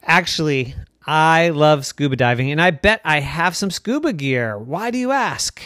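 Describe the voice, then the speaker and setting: A man's voice: expressive, a little slow, a bit bright, no echo. Guy putting on a goofy old neighbor dude, bragging, dry close mic. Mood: jaunty. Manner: jokey, rambling, bursts of high pitch. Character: quirky boastful old neighbor man.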